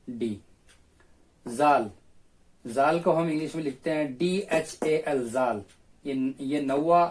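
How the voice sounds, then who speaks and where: A man teaching a spoken language lesson, going slowly and deliberately and repeating each letter name several times. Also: a little high, a little mellow.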